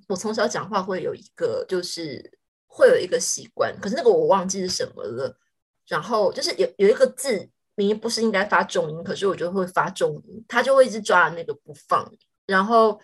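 Fast, husky woman telling stories. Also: mid-range voice. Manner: animated, chatty storytelling. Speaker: podcast co-host. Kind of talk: casual chat.

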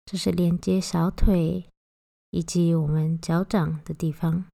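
A woman guiding a body-scan meditation, giving gentle, unhurried instructions with long pauses between phrases. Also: fairly low pitch, little pitch movement, gravelly, no room sound. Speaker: meditation guide.

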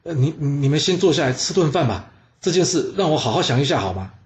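A man's voice: fairly high pitch, big pitch swings, fast talker, muffled recording. A man voicing a timid, indecisive young prince who gets easily flustered. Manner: flustered, hesitant.

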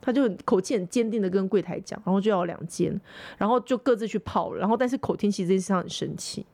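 A woman's voice: mid-range voice, fast, no room sound. A young woman podcast co-host with a Taiwanese Mandarin accent, telling a story in casual chat and acting out the quotes. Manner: animated storyteller who acts out quotes.

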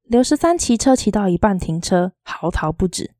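A woman reading a novel aloud in a soft, quietly lilting storytelling voice. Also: mid-range voice, sing-song, moderate pace, no echo, studio quality. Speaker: audiobook reader.

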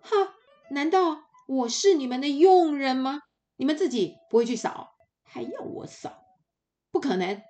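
Spoiled rude girl for a kids' story, shrill and scornful, a woman doing the voice. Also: animated, measured pace, mellow. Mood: indignant.

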